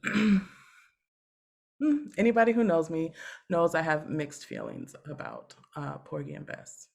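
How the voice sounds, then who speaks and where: A woman in her thirties, a guest on a podcast, telling her story in an animated, chatty way with laughs. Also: low voice, a little slow, gravelly. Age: 30s. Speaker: guest opera singer. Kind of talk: casual podcast chat.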